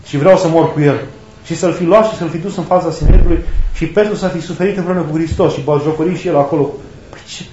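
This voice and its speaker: Impassioned preacher with a high voice, echoey. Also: male voice, steady tone, dark tone, slight background noise. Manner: impassioned, rhetorical questions, acts out quoted speech. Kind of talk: sermon. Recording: echoey, dull lo-fi room recording.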